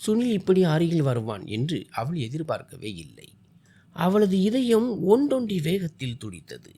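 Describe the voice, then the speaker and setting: A man's voice: a little high, wildly swooping pitch, unhurried, warm tone, slightly rough. A man narrating a scripted family drama story, reading expressively.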